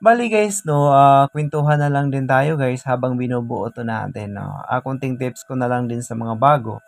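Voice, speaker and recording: A man's voice: mid-range voice, normal speed, gravelly, dry recording. A man casually explaining a welding job outdoors, chatty and full of fillers. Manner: chatty, repeats "guys" and fillers while working. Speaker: DIY welding vlogger.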